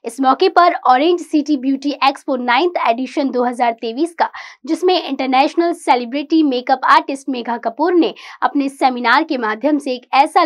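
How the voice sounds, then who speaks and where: A woman news anchor reading a report in a formal, crisp delivery from a studio. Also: sits high.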